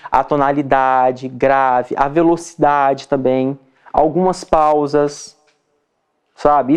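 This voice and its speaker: A dermatologist with a Brazilian Portuguese accent gives an informal lecture to fellow doctors, chatting freely and often checking in with "tá?" and "entendeu?" He acts out examples by shifting his voice, which is a little high and somewhat mellow.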